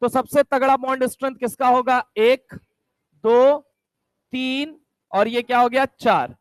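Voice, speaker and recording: A man's voice: very high voice, measured pace, no room sound. Guy teaching chem in a mix, asks stuff then answers it, says over and over, dry close sound. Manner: asks and answers his own questions, repeats key terms; calls listeners "my brother". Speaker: chemistry teacher. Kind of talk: classroom lecture.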